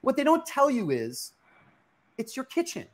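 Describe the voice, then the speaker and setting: Emphatic high-voiced chef teaching in a kitchen. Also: male voice, wildly swooping pitch, normal speed. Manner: emphatic, preachy, asks and answers his own questions. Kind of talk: live cooking demonstration. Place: home kitchen studio.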